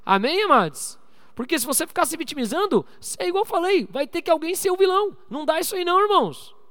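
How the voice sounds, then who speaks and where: A man with a strikingly high voice preaches to his church. He calls out for amens and swings from loud, pressing exhortation down to low, quiet asides. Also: very animated, quick pace, big-room sound. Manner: preaching with call-and-response to the congregation. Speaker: pastor. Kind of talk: sermon.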